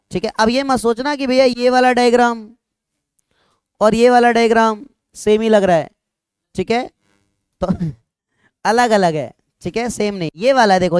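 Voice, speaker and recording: A young male teacher with a smooth, resonant voice talks a classroom through a lesson. He is conversational and repeats his checks again and again. He jokes with the students now and then. The sound is dry and close. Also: sits high, a little mellow, no room sound. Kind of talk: classroom lecture.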